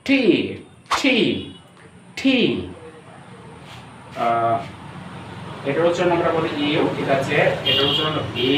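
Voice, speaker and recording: A man with a Bangladeshi accent gives a classroom-style lesson, repeating each item and quizzing his students as he goes. His voice sits a little high. He sounds distant from the mic in a roomy, echoing space with faint background ambience. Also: slight background noise. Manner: repetitive, drilling each letter, asks questions to students. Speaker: English teacher.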